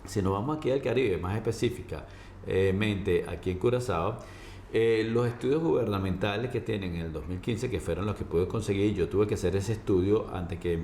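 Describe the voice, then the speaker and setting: A man speaking as a doctor being interviewed, explaining medical matters informally in a halting way, often checking that he is understood. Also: on the low side, darkish tone. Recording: roomy echo, faint background noise.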